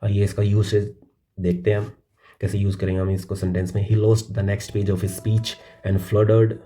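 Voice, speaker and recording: A man teaching English vocabulary, explaining words casually in Hindi and reading English definitions slowly. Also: on the low side, flat delivery, mellow. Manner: calls listeners "भाई".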